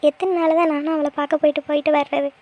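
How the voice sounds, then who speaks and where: A woman's voice: sits high, flat delivery, fast talker, dull audio. A woman voicing a tearful middle-aged aunt and mother in a cartoon, who pours out her sorrow in pleading, grieving complaints. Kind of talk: cartoon voice acting.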